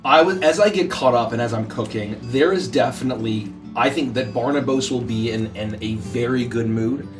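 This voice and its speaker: A man's voice: mid-range voice, normal speed, few pauses, distant mic. Male tabletop player, improvised action narration, slightly off-mic, faint guitar music.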